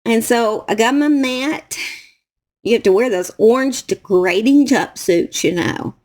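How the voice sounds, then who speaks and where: Speaking to camera in a somewhat high voice with a darkish tone, a middle-aged woman with a Southern US accent, from the Southern United States, shares her own story. She's a true crime YouTuber whose telling is halting and emotional, returning repeatedly to the same phrases.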